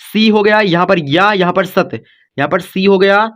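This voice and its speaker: A man's voice: sits high, moderate pace, fairly bright tone. A man from India teaching a step-by-step spelling lesson. He talks in a repetitive, coaxing way, checking in after nearly every line. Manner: repetitive, coaxing, says "ठीक" and "बच्चों" often.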